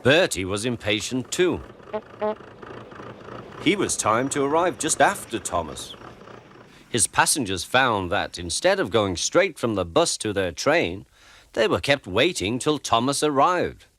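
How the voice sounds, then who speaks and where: A man narrating a children's storybook, expressive and measured. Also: mid-range voice, slight background noise. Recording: storybook music bed.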